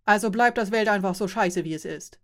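A woman's voice: medium pitch, brisk, natural voice. A woman voicing a frustrated young nonbinary person who argues with insistent, challenging questions.

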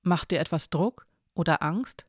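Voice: medium pitch, slightly rough, dry recording, clean studio sound. A reader voicing May, a careful non-binary character. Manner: thoughtful, measured phrasing. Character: non-binary person, careful, gently ironic.

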